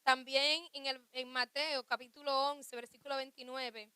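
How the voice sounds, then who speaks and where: Woman radio co-host, clear resonant voice, high and bright, chatty about faith. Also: flat delivery, normal speed, no echo. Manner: chatty, reflective, laughs often.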